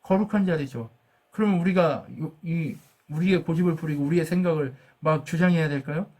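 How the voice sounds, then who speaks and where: A man's voice: fairly high pitch, fairly quick, a little mellow. A man preaching a sermon as a pastor. He asks the congregation questions, answers them himself, and acts out God's words with rising force.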